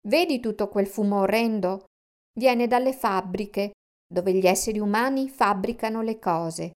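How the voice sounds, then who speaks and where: A woman voicing a gentle, caring young female fox who speaks softly. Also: mid-range voice, unhurried, close to an everyday voice. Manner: gentle, soft-spoken.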